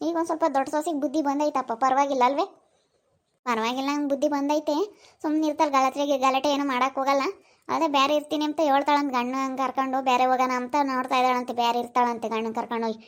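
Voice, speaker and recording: A woman's voice: high-pitched, level tone, fast talker, close to an everyday voice. A woman playing a talkative middle-aged village mother who gossips and pleads, in an amateur family skit. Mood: gossipy.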